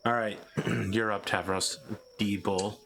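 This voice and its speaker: Lowish-voiced man running a tabletop game. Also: little pitch movement, slow pace, fairly bright tone. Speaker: game master. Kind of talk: casual tabletop game narration. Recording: faint background noise.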